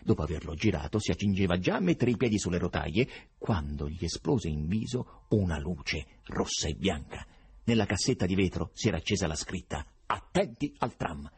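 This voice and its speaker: A man reading a novel aloud as an expressive audiobook narrator. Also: low-pitched, brisk, slightly rough. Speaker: reader.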